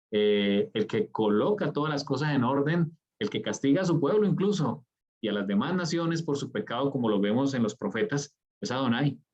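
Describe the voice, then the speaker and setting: A man's voice: mid-range voice, darkish tone, muffled recording. A man leading a Bible study, teaching in an earnest, preacher-like way with frequent hesitations. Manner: earnest, preacher-like, with many "eh" fillers.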